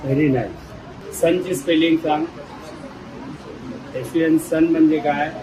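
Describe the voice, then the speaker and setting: A man playfully quizzing schoolchildren, coaxing and teasing them and urging them to speak louder. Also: a little high, steady tone, slow, noisy background. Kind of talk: playful classroom questioning.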